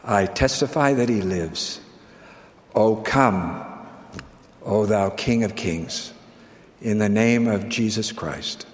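A man preaches slowly and solemnly, letting his words rise and fall in broad sweeps. His voice sounds in a large hall with a long reverb. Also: lowish voice, slight background noise. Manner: slow, solemn, with sweeping rises and falls. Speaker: church leader. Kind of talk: sermon.

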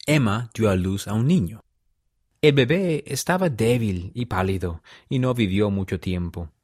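A man narrating a story in a measured, solemn way. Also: mid-range voice, darkish tone, no echo, clean studio sound.

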